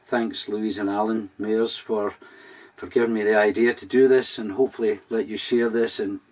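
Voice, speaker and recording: A Scottish man performing a live-streamed show, chatting casually between songs in a rambling, halting way with many fillers. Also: on the low side, little pitch movement. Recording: distant mic in a live room. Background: acoustic guitar.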